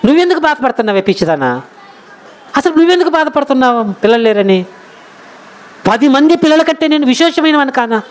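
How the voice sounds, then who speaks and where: A man's voice: extremely high pitch, very animated, fast talker, pauses often, voice pushed up. A man preaching a sermon voices a loving husband who tenderly pleads with his weeping wife. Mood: pleading. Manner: coaxing, pleading, affectionate.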